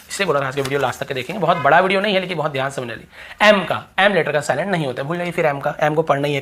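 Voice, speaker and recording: A man teaching an English lesson who says each example word slowly and several times over, then checks with the listener. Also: a little high, fairly bright tone. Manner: asks the viewer quick check questions. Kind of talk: spoken language lesson.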